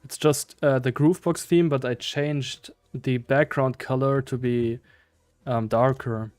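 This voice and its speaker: A man's voice: mid-range voice, fairly even intonation, unhurried, darkish tone, clean tone, no room sound, faint music behind. A man with a German accent doing casual live coding commentary, hesitantly thinking aloud in fragments. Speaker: live-streaming programmer.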